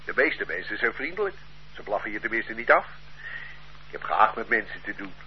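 A lowish, somewhat quick male voice plays the suspect, an easygoing older fellow who loiters outside and can't make sense of the accusations. His delivery is lively, chatty, homely and full of protest. The radio-play audio is dull and lo-fi, with a faint hiss under it.

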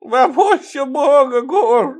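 A man's voice: very high voice, expressive, very slow, pitched above the performer's own voice, heavily acted. A man reading an audiobook, voicing a boastful, sly drunken friend who lisps and slurs. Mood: boozy, boastful. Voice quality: lisping, slurred.

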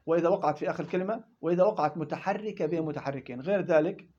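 A man teaches Quran recitation rules at a fast clip, his voice pitched high and slightly husky. He moves between explanation and chanted verse examples. The recording is dull and lo-fi. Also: dark tone. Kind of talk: classroom lesson on tajweed rules.

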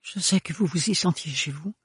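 A soft, hesitant young woman murmuring her words, timid yet earnest, as a male audiobook reader puts her on. The voice sits higher than his own and stays husky, in a dry, close recording. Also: moderate pace, no room sound. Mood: contrite.

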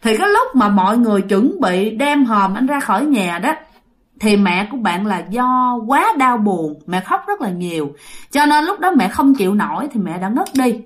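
A woman's voice: a little high, very animated, moderate pace. Chatty Southern Vietnamese woman storyteller. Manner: chatty, addresses listeners directly. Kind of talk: ghost story narration.

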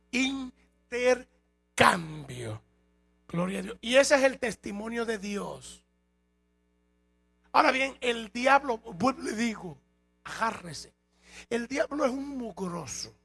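A man preaching a sermon as a pastor, emphatic, his loudness rising and falling. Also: extremely high pitch, animated, measured pace, creaky, breathy edge, soft background music. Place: church hall.

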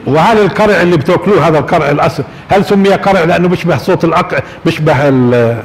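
A man's voice: a little high, rapid-fire. A man gives a religious lecture to a live audience, asking rhetorical questions and often chuckling. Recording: reverberant hall with faint noise.

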